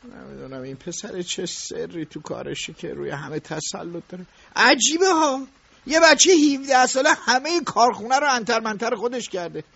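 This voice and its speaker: A man playing a domineering, quick-tempered factory owner in an audiobook radio drama, talking sarcastically to his workers. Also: very high voice, fairly bright tone. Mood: brooding. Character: domineering middle-aged male factory owner. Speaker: factory boss. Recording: dull lo-fi recording.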